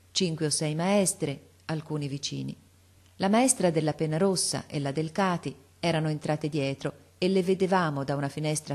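A woman narrating a classic children's novel aloud in a measured, gentle storytelling manner. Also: low-pitched. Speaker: audiobook narrator.

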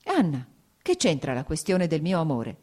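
A woman's voice: low-pitched, huge pitch swings, moderate pace, a little mellow, heavily acted. Brief: woman reader doing a frowning young officer in a storybook, clipped and cold. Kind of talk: audiobook character reading.

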